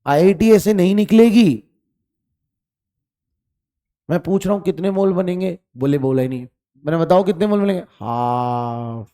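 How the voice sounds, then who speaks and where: A man's voice: high-pitched, measured pace, pauses often, warm tone. A man teaching chemistry in an online exam-prep class, asking questions, repeating them and scolding students for lazy answers.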